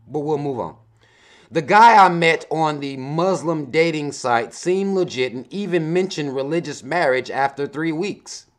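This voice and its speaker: A man's voice: on the high side, unhurried. A man in his thirties hosting a casual advice vlog, reading viewer emails aloud and adding blunt, laid-back commentary with a lot of swearing. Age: 30s. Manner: adds commentary between lines he reads out. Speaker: advice vlogger.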